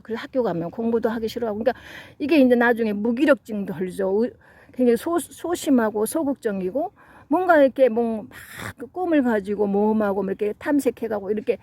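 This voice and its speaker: A woman's voice: on the high side, a little mellow, dry recording. Earnest woman lecturing on parenting. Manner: earnest storytelling, acting out quoted parents and children. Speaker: psychology lecturer. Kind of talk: lecture with anecdotes.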